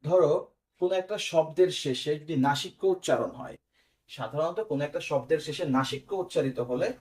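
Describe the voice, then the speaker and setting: A young man teaches an online exam-prep class. His voice sits a little higher than most men's. He explains step by step and keeps checking in with his students. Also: fairly quick, a little mellow.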